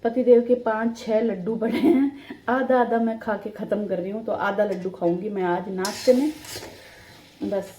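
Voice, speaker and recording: Her medium-pitched voice has a dark tone and fairly even intonation at normal speed. This middle-aged family vlogger wanders from one subject to another while chatting to viewers in her kitchen, captured by a phone's built-in mic in an echoey room with faint background noise.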